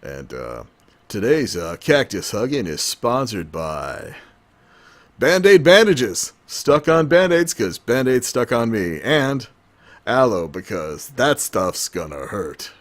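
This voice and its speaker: A man putting on a washed-up male sports moderator on cable TV, a former champion who talks slowly and haltingly with lots of "uh"s. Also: lowish voice, very animated. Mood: salesy. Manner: slow, halting, full of "uh"s. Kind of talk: comic impression during game commentary.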